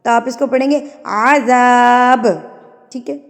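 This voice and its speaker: A woman from Pakistan, teaching Quran tajweed: she recites verses slowly and measuredly, then explains the rules in quick talk. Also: sits high, little pitch movement, a little mellow, long reverb tail.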